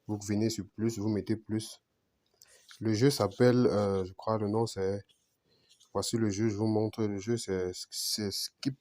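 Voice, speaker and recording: Low-voiced man narrating a screen tutorial. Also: steady tone, unhurried, darkish tone, no room sound. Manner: repetitive, restarts phrases, asks "vous comprenez"; apologizes for his accent. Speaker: betting channel host. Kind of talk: screen-recorded tutorial voice-over.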